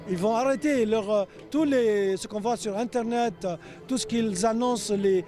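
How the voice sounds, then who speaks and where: Guy at a street rally, high mellow voice, lots of pauses, keeps pushing his point. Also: faint music behind. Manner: hesitant, many "euh" pauses, insistent. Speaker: protester. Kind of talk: street interview statement. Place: outdoors on a city street.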